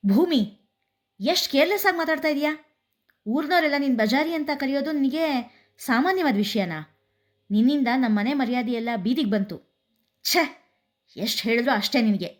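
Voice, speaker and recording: A woman's voice: mid-range voice, lively intonation, normal speed, long pauses, close to an everyday voice. Woman playing a furious, scolding brother. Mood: angry. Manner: harsh, shouting, bitter. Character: furious man scolding his sister.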